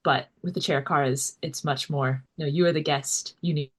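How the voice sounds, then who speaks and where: A woman with a Midwestern American accent, co-hosting a podcast chat, affirming and warm. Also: sits low, fairly even intonation, moderate pace. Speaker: podcast co-host. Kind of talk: casual chat.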